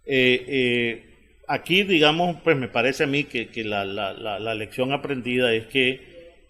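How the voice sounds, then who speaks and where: A man's voice: mid-range voice, unhurried, sharp tone. A man hosting a talk show, arguing his points and tagging them with questions and doubled fillers. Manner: keeps adding tag questions and doubled fillers. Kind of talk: analytical talk-show conversation.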